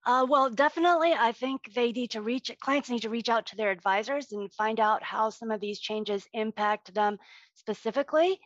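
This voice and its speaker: Halting woman expert, dry and slightly dull audio. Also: on the high side, a bit bright, no room sound. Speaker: financial expert guest on a podcast. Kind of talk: explanatory interview talk.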